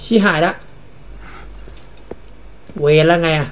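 A man's voice: drawn-out words, lo-fi sound. A man giving casual gameplay commentary in a chatty way, repeating short phrases and swearing playfully.

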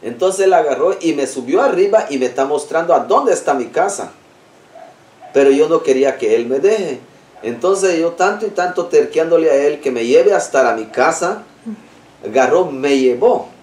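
A man's voice: fairly high pitch, animated, moderate pace, darkish tone, far from the mic. A man telling a personal experience in a plain, conversational storytelling style, linking events one after another. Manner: plain, repetitive telling, links events with "entonces". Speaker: interviewee recounting a personal experience. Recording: roomy sound, speaker away from the mic.

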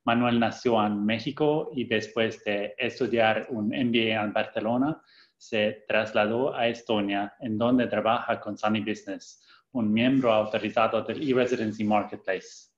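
A man's voice: fairly low pitch, steady tone, a little slow. A young man hosting a webinar over a video call and introducing a guest. He speaks politely and formally, with hesitant fillers and self-corrections. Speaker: webinar host. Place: indoor room, on a video call. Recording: roomy, dull video-call audio.

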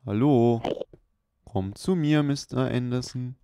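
A man's voice: mid-range voice, warm tone. A man doing a cold, formal film agent. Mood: mock menacing. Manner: drawn-out, mock-sinister formal address. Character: menacing male film agent, coldly formal. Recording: clear background hiss.

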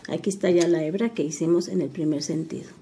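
Against a noisy background, an older embroidery teacher works through a stitch step by step, calmly narrating as she goes. Her voice is on the low side and her pace quick, but she stays patient throughout the tutorial.

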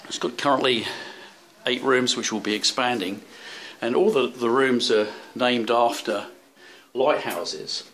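Unhurried and fairly even, a man's medium-pitched, slightly bright voice narrates a handheld-camera walk around a seaside hotel. The travel vlogger meanders through hotel rooms and a seaside street, peppering his talk with fillers and restarts, and the audio is poor.

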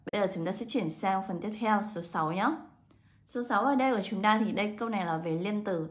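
A woman English teacher, walking students through exam answers step by step and slowing down to read English words aloud. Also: medium pitch. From Vietnam. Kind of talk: exam answer walkthrough lesson.

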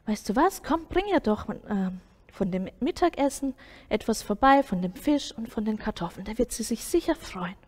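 A woman voicing a caring, gently firm grandmother in a children's story, breathy and coaxing. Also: a little high, expressive, moderate pace, in a large hall.

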